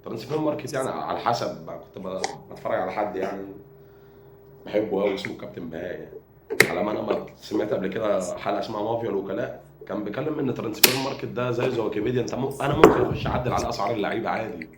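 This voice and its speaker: Fast-talking taunting Egyptian football fan. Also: male voice, on the low side. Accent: Egyptian Arabic. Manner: taunting, mocking rival fans; rapid, repetitive, animated delivery. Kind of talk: fan rant to camera. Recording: echoey room with background noise.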